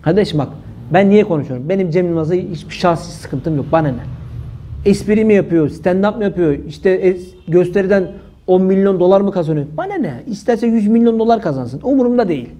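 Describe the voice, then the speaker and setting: A man's voice: high-pitched, lively intonation, brisk, warm tone. A man giving an impassioned religious monologue, indignant and emphatic, repeating his phrases and using many pious formulas. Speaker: religious commentator.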